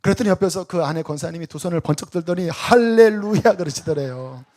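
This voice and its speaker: A male pastor preaches in a church in a high voice. He asks the congregation question after question and retells stories. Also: quick pace, darkish tone. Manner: preaching with rhetorical questions and storytelling. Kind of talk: sermon. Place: church sanctuary.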